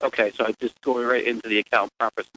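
A man from Rochester, New York, calling in to a radio show and asking friendly, halting questions. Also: medium pitch, little pitch movement, bright, forceful tone, rough recording.

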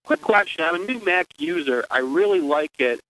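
A man from Rochester, New York, calling in to a radio show and asking friendly, halting questions. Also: a little high, expressive, bright, forceful tone, rough recording.

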